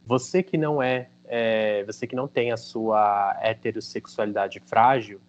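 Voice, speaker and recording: A man with a Brazilian Portuguese accent hosting a casual interview, telling a story with lively quotes of what others said. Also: fairly low pitch, measured pace, muffled recording, slight background noise. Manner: animated storytelling, quoting others. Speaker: host.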